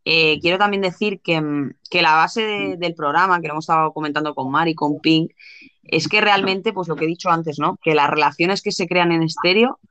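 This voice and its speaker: Woman co-host, bright, dry sound, halting delivery. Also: low-pitched, clean tone, no room sound, lo-fi sound. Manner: hesitant, many fillers and restarts. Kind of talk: casual live podcast chat.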